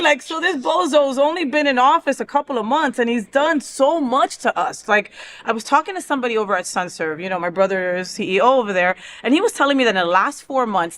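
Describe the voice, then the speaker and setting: Female talk show host, higher-pitched, informal and emphatic, opinionated chat. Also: a bit bright.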